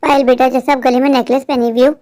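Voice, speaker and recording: A woman's voice: high-pitched, flat delivery, quick pace, mellow, lightly acted. A woman voicing a bossy, greedy middle-aged mother-in-law in a cartoon, who scolds and then turns sugary and grasping. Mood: sweet. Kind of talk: cartoon voice acting.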